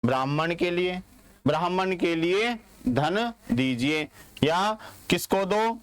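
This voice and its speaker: Male teacher from India, slow and drilling, smooth voice. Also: sits high, dry recording. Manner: asks questions and answers them himself, repeats words slowly. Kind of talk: classroom grammar lesson.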